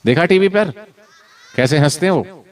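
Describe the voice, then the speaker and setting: A man telling a devotional story to children, animated, with frequent call-and-response prompts. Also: on the high side, normal speed. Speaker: spiritual storyteller.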